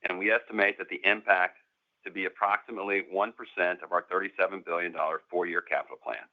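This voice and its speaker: Speaking to investors on a conference call, an executive reads a corporate script in a formal, measured manner. He has a fairly low voice, and the line sounds narrow, like a phone.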